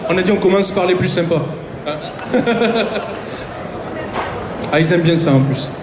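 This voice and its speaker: A man's voice: a little high, moderate pace, noisy background. A man hosting a live event, making announcements to an audience from a stage. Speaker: event host. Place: large convention hall stage. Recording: echoey PA, music and crowd behind.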